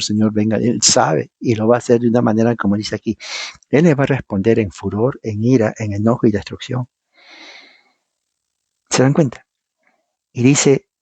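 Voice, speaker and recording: A man's voice: medium pitch, a little mellow, husky, no room sound. A man preaching a Bible teaching sermon, reading verses aloud and explaining them, emphatic and firing rhetorical questions at the congregation.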